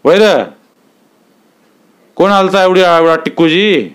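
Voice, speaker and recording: Hot-tempered villager shouting threats, voiced by a storyteller. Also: male voice, high-pitched, takes it slowly, clear, resonant tone, voice pushed up. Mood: angry. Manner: angry, shouting.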